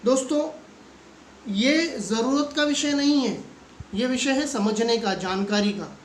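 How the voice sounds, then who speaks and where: A man's voice: very high-pitched, measured pace, reverberant, a little hiss or hum, poor audio. A man giving an earnest awareness appeal to his viewers, exhorting them with rhetorical questions. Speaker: NGO activist and channel host. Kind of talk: direct-to-camera awareness appeal.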